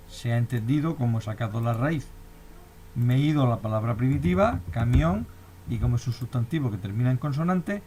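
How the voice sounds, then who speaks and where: A man's voice: medium pitch, darkish tone, slight background noise. A man with a Spanish accent explaining a grammar lesson step by step, often asking if the class has understood. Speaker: teacher. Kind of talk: recorded lecture.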